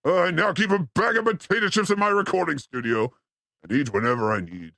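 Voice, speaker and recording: A man hosting a chaotic comedy stream, joking around in a goofy voice that jumps between pitches. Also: animated, a little fast, gravelly, pushed and bright, dry recording, clean studio sound. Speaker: host.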